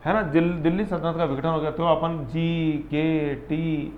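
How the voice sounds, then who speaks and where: Lively male teacher, muffled audio. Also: on the high side, moderate pace. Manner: lively, rhetorical questions, acts out scenes. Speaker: history teacher. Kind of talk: classroom lecture.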